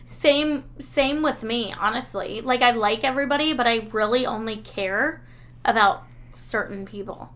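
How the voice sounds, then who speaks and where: Woman, 30s, podcast co-host, somewhat high voice, blunt, self-deprecating, salty language. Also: a little slow, a bit bright. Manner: candid, swears freely, self-mocking. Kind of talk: casual chat.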